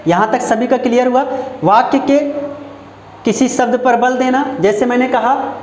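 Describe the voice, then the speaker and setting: High-pitched guy teaching hindi grammar, up accent, slow and repetitive, roomy echo. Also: darkish tone. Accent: Hindi, from Uttar Pradesh. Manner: slow and deliberate, repeating phrases and checking understanding. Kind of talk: classroom lesson. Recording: echoey room with faint background noise.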